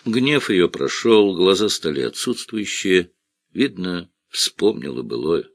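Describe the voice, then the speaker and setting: Low voiced guy calmly reading an audiobook, dry close mic. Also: takes it slowly, gravelly, dry recording. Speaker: narrator. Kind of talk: audiobook narration.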